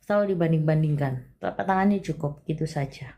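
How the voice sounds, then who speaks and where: A woman hosting a live palm-reading consultation, chatty and expressive, with frequent exclamations. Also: deep voice, quick pace. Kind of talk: casual live-stream reading.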